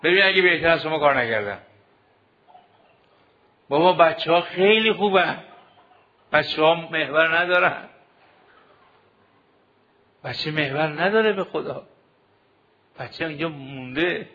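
A man's voice: a little high, long pauses. A man preaching a sermon to seminary students, exhorting them with rhetorical questions. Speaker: cleric teaching seminary students. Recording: dull lo-fi recording.

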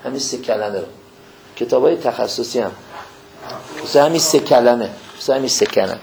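This religious lecture comes from a man whose medium-pitched voice is animated, gravelly, and slightly mellow. Folksy in manner, he challenges listeners with direct questions and quotes scripture in a slow, measured way. A little hiss or hum can be heard.

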